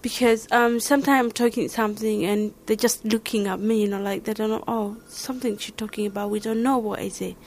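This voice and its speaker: A woman from Somalia with a Somali accent, answering interview questions in halting, searching English. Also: mid-range voice, steady tone. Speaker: learner interviewee.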